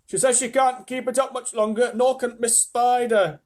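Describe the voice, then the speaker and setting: A storyteller voicing a bossy, excitable centipede who yells loudly, in a children's storybook. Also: medium pitch, normal speed, voice pushed up, natural voice. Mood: yelling, alarmed. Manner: loud, yelling.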